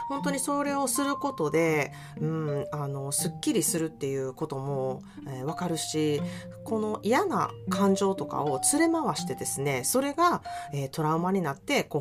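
A woman with a Kansai Japanese accent hosting a solo self-care podcast, talking softly and reflectively with many fillers. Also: deep voice. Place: California.

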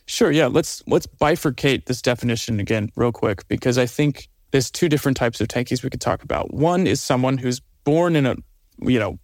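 A man from the United States, a guest in a casual interview, explaining in a measured way with dry humor. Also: medium pitch, lively intonation, no echo. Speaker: guest, social media commentator.

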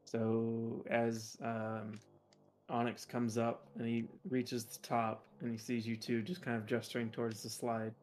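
A man, narrating a tabletop game as game master in a relaxed, easygoing way. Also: mid-range voice, unhurried, a little hiss or hum.

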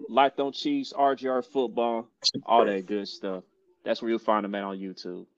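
A man's voice: lowish voice, little pitch movement, moderate pace, no room sound. A man co-hosting a casual sports show, talking in laid-back, slangy bro style and repeating his phrases. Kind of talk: casual sports chat and sponsor plugs. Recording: slightly dull, dry audio.

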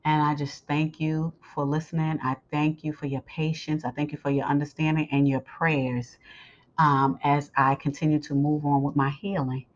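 A woman with a scratchy, sore, swollen-sounding throat, speaking haltingly and with effort as she gives her listeners an informal update as host. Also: sits low, little pitch movement. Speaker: host of Bible lessons. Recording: muffled, dull lo-fi sound.

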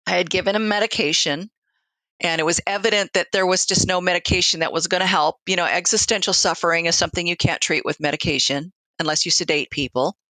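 Woman, bright tone, dry close sound, hospice nurse, reflective conversational storytelling, quoted exchanges. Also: fairly low pitch, steady tone, fast, no echo, poor audio. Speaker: hospice nurse, interview guest.

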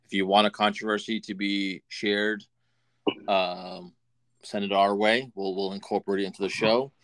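A man with a very low, deep voice co-hosts a casual podcast, rambling and stopping to restart his thoughts. The sound is close and dry, with no room echo around him. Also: steady tone, fairly bright tone. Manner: rambling and halting, with many restarts. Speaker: podcast co-host.

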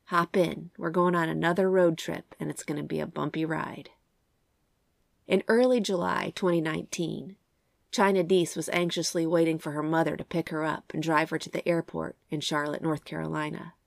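Female true crime podcast host, lowish congested croaky voice with a cold, gravelly edges, scripted storytelling. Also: steady tone, moderate pace, dry recording, studio quality.

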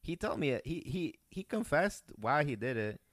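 A young man from Peru, a comedian, telling rambling, animated stories in a casual podcast chat. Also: a little high, normal speed, dry recording, clean studio sound. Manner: rambling, animated storytelling with restarts. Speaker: guest comedian.

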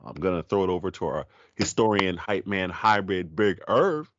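A man's voice: low-pitched, moderate pace, fairly bright tone, dry recording. A man co-hosting a podcast in casual banter, recorded on a dull lo-fi microphone. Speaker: podcast co-host.

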